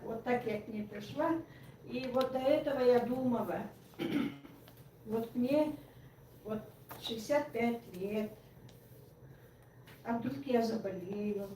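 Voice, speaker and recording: A woman in her sixties tells her own story with animated, laughing energy. Her voice is slightly high yet warm and mellow. She is far from the microphone in a strongly reverberant room with light background noise. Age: 60s. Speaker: business partner. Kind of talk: personal testimony. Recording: echoey room, far from mic, faint hiss.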